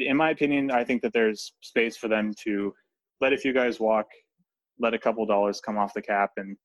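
A man's voice: fairly low pitch, dry recording, rough recording. A man talking hockey as a podcast guest, loose and chatty, full of fillers and restarts. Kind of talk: casual podcast chat.

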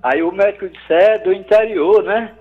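A man calling in over the phone, his voice high and the line dull and muffled. He tells his story haltingly, wandering as he goes. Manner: hesitant, rambling storyteller. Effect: heard over the phone. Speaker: radio caller. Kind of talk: caller telling a story on a radio show.

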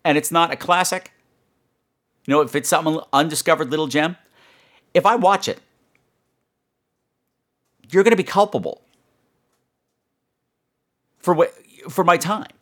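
Pausing often and keeping a measured pace, the podcast host speaks in a fairly high, fairly bright voice. He chats with listeners of his horror podcast in a campy, playful, self-mocking and emphatic manner.

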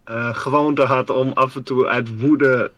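A man's voice: medium pitch, steady tone, a little slow, fairly bright tone. A man casually telling a history story to his co-host on a podcast, rambling with many fillers and often calling his co-host by name.

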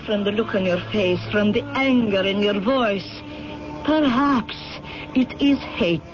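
An actress playing a mysterious, foreboding fortune-teller in a radio drama, solemn and halting, on a muffled old recording. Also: female voice, medium pitch, music in the background, lightly acted. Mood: ominous, reluctant.

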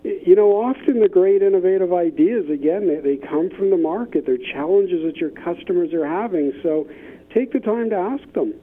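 Over a narrow, tinny phone-like connection, a business innovation consultant speaks as an interview guest in a somewhat high male voice. He explains conversationally at a moderate pace, halting and repeating words as he goes.

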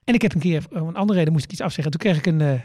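A middle-aged man with a fairly high, darkish voice races through stories as a stand-up comedian in casual chat, with no room sound. He stammers and restarts, repeating words, and acts out the lines he spoke.

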